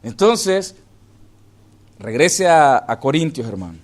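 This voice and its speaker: A male pastor preaching a sermon, calling listeners "hermano" as he moves between hushed and raised delivery. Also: on the high side, very animated, takes it slowly.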